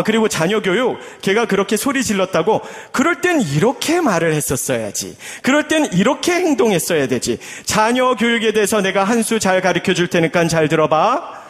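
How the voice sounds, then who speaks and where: A man's voice: high-pitched, in a large hall, pitched above the performer's own voice. A man playing a scornful know-it-all husband. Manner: preachy, dismissive, lecturing. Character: condescending know-it-all husband lecturing his wife.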